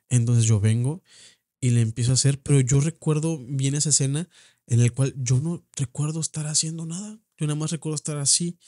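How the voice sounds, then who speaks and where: A young Mexican man recounts a painful memory in a podcast, halting and circling back over his words. His voice is mellow and dark, recorded close and dry with no room around it. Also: mid-range voice, no echo. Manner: halting, repeats words, emotional retelling. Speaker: podcast host. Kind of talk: personal storytelling. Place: at home.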